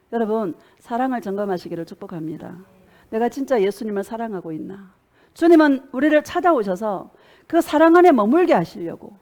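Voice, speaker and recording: A middle-aged woman pastor preaching a sermon, reading scripture and then telling the story in an animated way, acting out quotes with bursts of laughter. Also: medium pitch.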